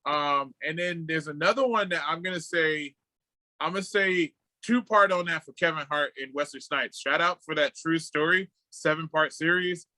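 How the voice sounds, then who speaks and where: Slangy podcast dude on a video call, bright voice, swears a lot, dry sound. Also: male voice, fairly high pitch, moderate pace, dry recording, poor audio. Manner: animated, slangy storyteller who swears freely. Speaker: podcast co-host. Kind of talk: casual podcast chat.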